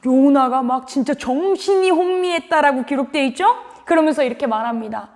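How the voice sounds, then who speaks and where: A woman preaching a Sunday school sermon to children, telling the story in an animated way and asking the children questions. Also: high-pitched, fairly quick, big-room sound. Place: church.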